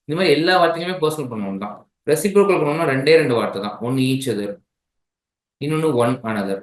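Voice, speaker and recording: A man with a Tamil accent teaches an exam-prep grammar class in a slightly higher voice. He keeps checking in with his listeners as he explains. The room is echoey. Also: expressive, fast. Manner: mixes languages, checks in with "right?".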